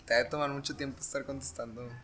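A man's voice: mid-range voice, fairly even intonation, fast talker, sharp tone, a little hiss or hum. A man with a Mexican accent interviewing someone in a slangy, informal, casual chat.

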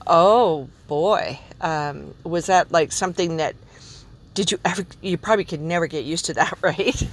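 A woman's voice: on the low side, moderate pace. A woman hosting a podcast in a conversational style, introducing and questioning a guest. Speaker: podcast host.

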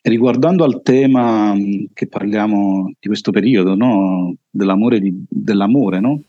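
A man with a Neapolitan accent and a heavy, full voice gives a halting personal testimony as an interview guest. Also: fairly low pitch, no room sound, muffled recording.

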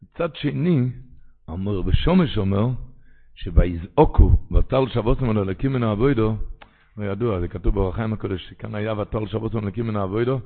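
A man who is a rabbi, giving a Torah sermon with animated preaching and sudden cries. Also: on the low side, phone-quality sound.

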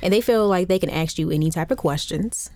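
This is a woman co-host in a casual podcast chat, speaking. Her voice sits slightly low. She keeps agreeing and adding to her partner's points, and she laughs easily. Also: fairly quick, a little mellow, no room sound. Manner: affirming, chimes in often, laughs easily.

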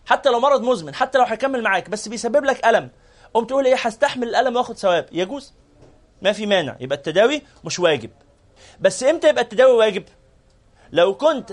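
A man with an Egyptian Arabic accent giving a religious lesson to a live audience, firing off rhetorical questions and prompting listeners to answer. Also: sits high. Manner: repeats phrases in lists. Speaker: sheikh teaching hadith.

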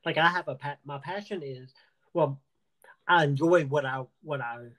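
A man's voice: fairly high pitch, normal speed, fairly bright tone. A man hosting a podcast interview, talking earnestly with frequent stammered restarts. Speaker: podcast host. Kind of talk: casual interview talk.

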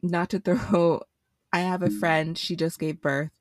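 A woman's voice: lowish voice, fairly even intonation, unhurried, no echo, clean studio sound. A woman co-hosting a podcast, telling a story in casual chat, blunt and full of swearing. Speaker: podcast co-host.

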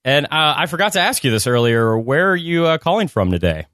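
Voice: mid-range voice, sing-song, fairly quick, fairly bright tone, no room sound, clean studio sound. A trivia podcast host talking casually and reading out quiz questions in an upbeat, joking way.

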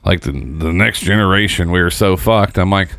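A man in his forties hosting a casual podcast chat, blunt and profane, quick to make fun of himself. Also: low-pitched, creaky, fairly bright tone, no room sound. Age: 40s. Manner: blunt, profane, self-mocking.

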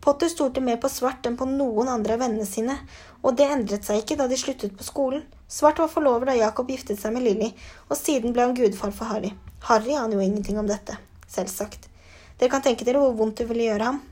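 A woman reading an audiobook, voicing a gruff, pompous male minister who speaks brusquely in a lowered, grave tone. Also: darkish tone, natural voice.

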